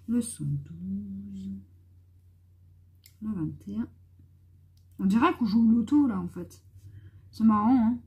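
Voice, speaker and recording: Showing off art markers in a relaxed haul video, this woman speaks at medium pitch with a creaky, mellow, husky quality. She muses out loud as she tries colors and talks to her audience like friends.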